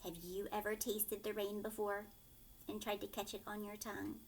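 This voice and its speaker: Reading a picture book to a group of kids, a woman teacher puts expression into every line, leans on important words and keeps asking questions. Her mid-range voice moves at a moderate pace, and the poor-quality audio carries some hiss or hum.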